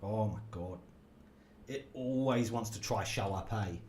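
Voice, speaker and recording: A man's voice: lowish voice, a little slow, a little mellow, a little hiss or hum. A man chatting casually while gaming, rambling off on jokey tangents. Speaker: gaming streamer.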